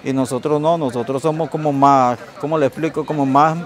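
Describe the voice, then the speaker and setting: A man's voice: a little high, fairly even intonation, a little fast. A man in a street interview searching for words as he explains. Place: outdoors on a city street.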